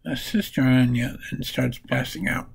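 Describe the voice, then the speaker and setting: A man casually retelling comic book plots in a halting, piece-by-piece way. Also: medium pitch, fairly even intonation, gravelly, slightly rough, low-quality recording.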